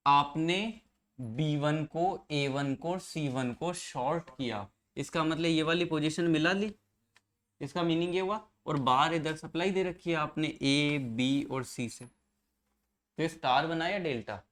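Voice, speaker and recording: A man's voice: fairly high pitch, slow pace, fairly bright tone. Man teaching a classroom lecture. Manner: explains step by step, asks students questions. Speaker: engineering exam teacher.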